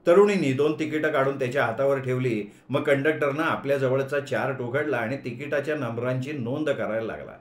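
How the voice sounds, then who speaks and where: Expressive male storyteller, echoey room. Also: medium pitch. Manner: expressive, measured narration. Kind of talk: story reading.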